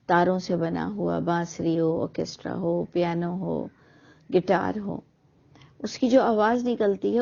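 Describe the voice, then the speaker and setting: A middle-aged woman delivers a reflective monologue on religious questions, earnest and argumentative, packed with rhetorical questions. Her mid-range voice is warm with vocal fry, heard through a dull lo-fi recording.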